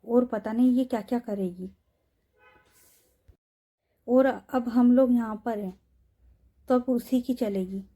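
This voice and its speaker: A woman voicing a young woman friend who talks casually and exclaims, in a mellow voice. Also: fairly high pitch, slow pace, pauses often.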